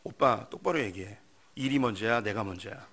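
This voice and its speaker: A man's voice: fairly low pitch, a little fast, a little hiss or hum, voice pushed down. A man playing a scolding young woman. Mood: indignant. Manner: sharp and scolding. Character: angry young woman quarreling with her boyfriend.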